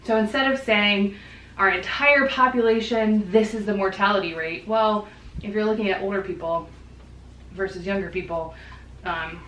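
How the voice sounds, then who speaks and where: A woman's voice: medium pitch, steady tone, moderate pace, a bit bright, a little hiss or hum. A woman co-hosting a podcast, explaining statistics terms in casual chat with frequent fillers and easy laughs. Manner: chatty, laughs easily, many fillers. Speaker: podcast co-host. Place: living room with dog present. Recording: roomy echo, distant mic, faint background.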